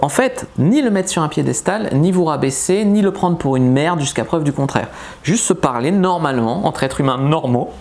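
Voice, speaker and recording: A man's voice: mid-range voice, darkish tone. Blunt, chatty male dating coach. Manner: blunt, colloquial, opinionated. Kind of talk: casual advice video to camera.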